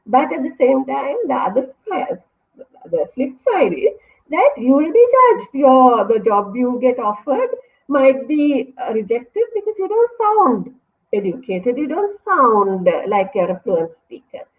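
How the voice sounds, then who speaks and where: A university English lecturer with a Sri Lankan accent shares her views thoughtfully in an online interview, an academic discussion over a video call. Her high voice swings widely in pitch at a measured pace, and she explains carefully, correcting herself along the way. The audio sounds phone-like, typical of an online call.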